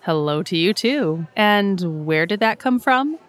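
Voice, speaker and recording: Laid-back young Vince. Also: female voice, mid-range voice, expressive, slow, clean tone. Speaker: dialogue actor.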